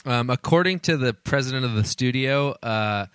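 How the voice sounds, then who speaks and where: A man hosting a casual podcast, relaxed and wry, telling showbiz news stories to his co-hosts. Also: medium pitch, normal speed, smooth, no room sound.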